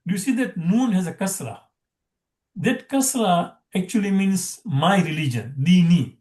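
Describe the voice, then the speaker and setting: A man's voice: sits high, expressive, a little slow, darkish tone, roomy sound. A man teaching an Arabic grammar class, explaining patiently with frequent restarts.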